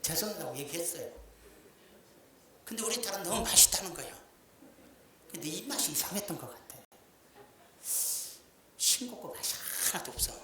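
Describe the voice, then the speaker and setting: A middle-aged male pastor delivers a homely sermon, acting out small scenes from daily life with a joking touch. His voice is bright and clear. It rings out through a roomy church hall. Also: high voice, sing-song, moderate pace, pauses often, a little hiss or hum. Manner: folksy, joking, acts out little scenes. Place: church sanctuary. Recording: echoey church sound.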